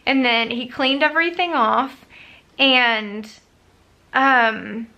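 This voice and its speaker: Woman vlogger, young adult, chatty storyteller, fairly high and bright voice. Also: slow, dull audio. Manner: chatty, retells others' lines in quotes. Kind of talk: casual storytime vlog.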